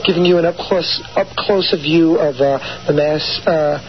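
A man's voice: fairly high pitch, moderate pace. Young man, tender rambling love message on a muffled old home tape. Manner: tender, rambling, blowing kisses. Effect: played back from an old home videotape. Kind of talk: taped love message to a girlfriend. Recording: muffled old tape played on air, music behind.

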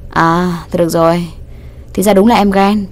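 A woman's voice: on the low side, fairly even intonation, moderate pace, lightly acted. A woman voicing a teasing, domineering young male teacher in a storybook reading, smug one moment and strict the next. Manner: smug and teasing, then stern.

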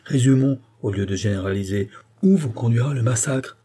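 A man's voice: mid-range voice, brisk, dark tone, breathy edge, close to an everyday voice. A man voicing an indignant, principled doctor. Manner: pleading, indignant questioning. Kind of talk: audiobook character reading.

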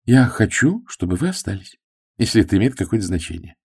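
A man voicing a cheerful, sharp-tongued young woman who teases with sarcasm. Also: fairly low pitch, big pitch swings, fast, vocal fry, breathy edge, no room sound, studio quality, heavily acted. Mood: wistful. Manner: teasing, sarcastic.

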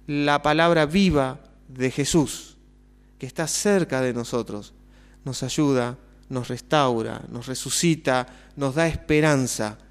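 Man, pastor, Rioplatense accent, sermon, slow unhurried delivery, rhetorical questions. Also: mid-range voice, clear, resonant tone. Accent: Rioplatense Spanish. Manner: measured, asks many rhetorical questions.

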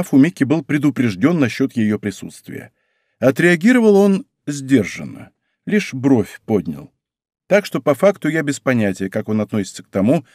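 A man reads a first-person story aloud as an audiobook, his pitch rising and falling a great deal. His telling is expressive and conversational, close to everyday talk. The recording is dry and close, with no room sound. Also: no room sound. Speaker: audiobook narrator.

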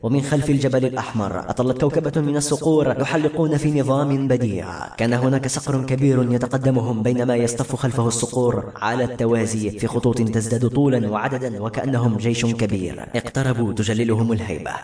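A man narrating a novel as an audiobook, in an expressive storytelling manner. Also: mid-range voice, quick pace, hardly any pauses. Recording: echoey room.

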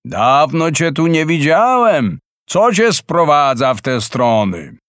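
A man playing a huge, slow-speaking whale. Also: fairly high pitch, big pitch swings, a bit bright, dry recording, clean studio sound, exaggerated voice. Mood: solemn. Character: huge old male whale, wary then kind.

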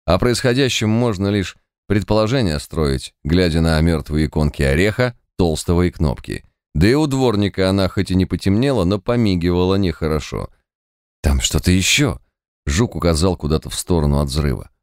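A man's voice: low voice, brisk, clean tone, no echo, clean studio sound. A man narrating an audiobook, voicing each character himself. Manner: reads every character himself in an expressive audiobook voice. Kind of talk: scripted narration.

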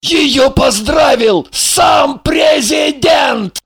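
A man as a gruff, barking secret agent. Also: very high voice, very slow, fairly bright tone, raised voice, soft background music, exaggerated voice. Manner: brusque, barking. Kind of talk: audiobook character reading.

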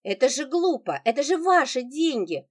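A woman's voice: high-pitched, big pitch swings, normal speed, voice pushed up. A woman reading an audiobook, voicing an agitated, indignant man who keeps exclaiming in alarm. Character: flustered indignant adult brother-in-law.

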